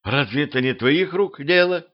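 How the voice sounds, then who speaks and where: A man's voice: a little high, lively intonation, normal speed, highs cut off, voice pushed up, close to an everyday voice. A man voicing a young female vampire who pleads with her sister in a raised voice. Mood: pleading.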